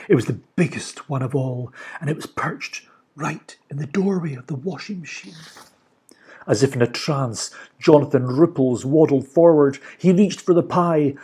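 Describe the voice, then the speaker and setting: A man reading a children's storybook aloud for a library, animated and expressive. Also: mid-range voice, slightly rough. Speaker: library reader.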